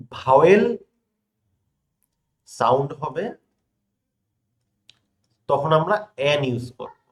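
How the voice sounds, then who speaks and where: A young man from India teaches a grammar lesson at an ordinary, middle pitch. He leans on key words, drags out the example sentences, and keeps checking in with rhetorical questions to his students. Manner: stresses words, reads example sentences slowly. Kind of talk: classroom lesson explaining examples.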